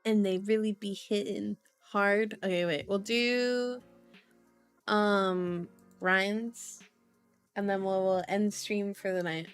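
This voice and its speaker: This tarot and horoscope host speaks slowly and steadily in a clear, resonant mid-range voice, with faint music in the background. She keeps her livestream casual, chatting, musing aloud, and reading cards out loud, often stretching her words.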